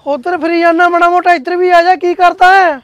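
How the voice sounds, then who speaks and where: A man's voice: very high voice, fairly even intonation, fairly quick, no echo. A man playing a young village man who calls out to a friend and pleads on the phone. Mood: casual. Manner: calling out, casual. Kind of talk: village comedy drama acting.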